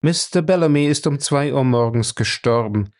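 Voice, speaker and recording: A man's voice: medium pitch, normal speed, a little mellow, voice pushed up, lightly acted. A man reading a storybook voicing a scheming caller with a clipped, official-sounding delivery. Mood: urgent. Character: man making a scheming phone call.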